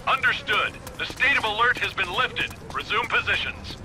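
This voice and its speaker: A man's voice: sits high, moderate pace, reverberant, distant mic, loud music behind the voice, low-quality recording. An actor playing a curt male military headquarters operator giving formal orders, heard through an old crank field telephone. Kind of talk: video game voice acting.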